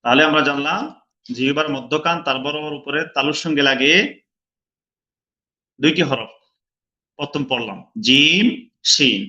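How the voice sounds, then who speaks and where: A male teacher giving an online lesson on how to pronounce letters, slowly and patiently repeating each sound and sometimes chanting it drawn out. He speaks with a Bangladeshi Bengali accent. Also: a little high, bright, forceful tone, lo-fi sound. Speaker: Quran recitation teacher.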